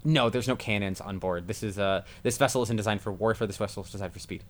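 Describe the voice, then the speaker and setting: A man's voice: on the low side, fast talker, slight background noise. A man narrating as game master in a casual tabletop session, correcting himself as he goes. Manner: casual, self-correcting, laughs at own jokes.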